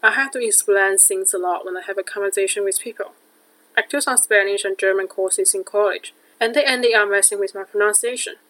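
A young woman whose first language is not English, hosting a podcast and reading a prepared monologue in a measured way. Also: medium pitch, fairly bright tone, rough recording. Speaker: podcast host.

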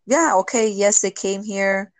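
A woman being interviewed, a social worker, speaking earnestly and haltingly with many restarts. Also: medium pitch, no echo. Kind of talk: emotional interview talk.

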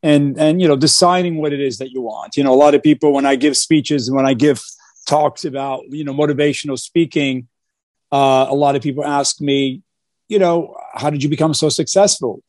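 Talking about his life on a video call, this guest from Portugal is earnest yet full of fillers and restarts in a casual interview. A fairly high, steady, slightly mellow voice keeps a moderate pace. The sound is dry and clean, like a studio.

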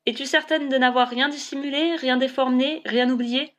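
Calm oracle lady, slow and measured, gently probing, a woman doing her. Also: fairly high pitch, lightly acted. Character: calm, authoritative female oracle elder.

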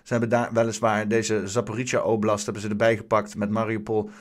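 A man's voice: fairly low pitch, monotone. A man hosting his own stream, giving casual, rambling commentary on the news, full of fillers and restarts. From Netherlands. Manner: halting, many fillers and restarts.

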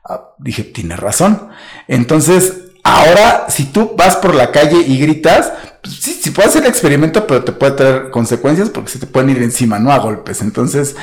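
A man's voice: medium pitch, expressive, moderate pace. A man with a Mexican accent chatting on a podcast, telling anecdotes with many fillers and tag questions. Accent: Mexican Spanish. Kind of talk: casual chat.

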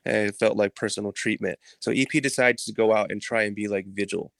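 A man, a podcast guest, retelling a story in a casual, animated way and laughing often. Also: on the low side, fairly quick, gravelly, no room sound.

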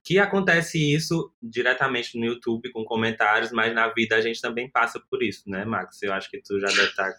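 A man hosting a podcast, steering the conversation in a relaxed way. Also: mid-range voice, normal speed, few pauses.

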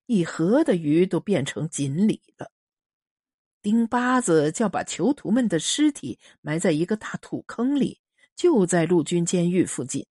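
A woman tells a story in a calm, measured way. Her voice is breathy and lively in pitch. The recording is close and dry. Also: no echo. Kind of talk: storytelling narration.

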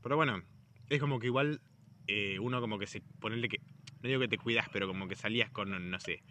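A man's voice: lowish voice, quick pace, pushed and bright, a little hiss or hum. Slangy, rambling young Argentine man. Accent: Argentine Spanish. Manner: rambling, slangy and profane, many restarts. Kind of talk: casual chat.

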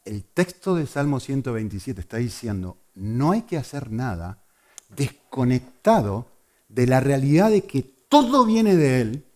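A man from Argentina with an Argentine Spanish accent, preaching a sermon in an animated way and asking his listeners questions. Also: a little high. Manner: animated, asks the audience questions.

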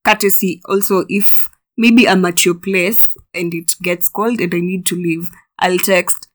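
A woman co-hosting a casual podcast chat, speaking in a measured, agreeable way. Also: lowish voice, steady tone. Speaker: podcast co-host.

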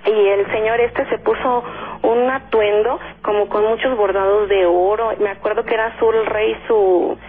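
Over a tinny phone connection, a radio caller with a Mexican Spanish accent relates a ghost story at a moderate pace and medium pitch. She's a lively storyteller who often slips in "este" and acts out what others said.

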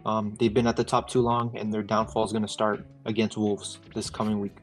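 A man's voice: on the low side, level tone, faint music behind. An American man co-hosting a sports podcast, chatting casually with a playful, teasing manner. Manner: playful, teasing, drawn-out predictions. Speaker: podcast co-host. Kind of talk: casual chat.

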